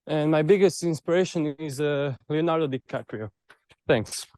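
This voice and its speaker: A man's voice: fairly high pitch, moderate pace, darkish tone, no room sound. A man from Croatia introducing himself hesitantly on a video call while walking his dog. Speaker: panel participant. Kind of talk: casual introduction.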